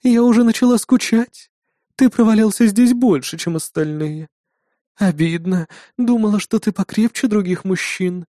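A man's voice: sits high, moderate pace, dark tone, no echo, studio quality, voice pushed up, lightly acted. A man voicing a lustful, teasing female naga monster in an audiobook, speaking in a sultry way. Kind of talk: audiobook narration.

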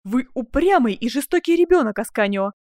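A woman's voice: medium pitch, normal speed, darkish tone, no echo, clean studio sound, close to an everyday voice. A woman voicing a proud, imperious duchess in an audiobook, speaking with impassioned swings between tender murmurs and proud outbursts. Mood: proud, wounded. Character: proud passionate noble duchess, imperious and vengeful. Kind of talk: audiobook reading.

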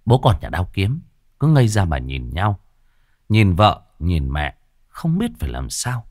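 Man, horror storyteller, dramatic, lively pitch, dry close sound. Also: a little slow, no echo.

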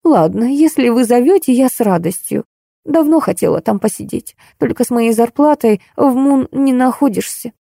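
A woman's voice: on the high side, expressive, normal speed, vocal fry, dark tone, dry recording, clean studio sound, pitched above the performer's own voice. A woman reading an audiobook, voicing a plump, weepy young office clerk who grumbles plaintively. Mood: complaining.

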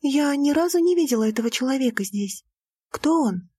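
A woman's voice: expressive, moderate pace, dark tone, no room sound. Woman voicing a naive young bride. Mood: earnest. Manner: higher, earnest, emotional delivery. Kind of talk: audiobook reading.

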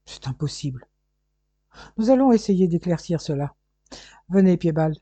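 A reader doing a hoarse furious old merchant. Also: medium pitch, lively intonation, moderate pace, mellow, no room sound, lightly acted. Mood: urgent. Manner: menacing, growling. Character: old gem-merchant father, gruff and furious.

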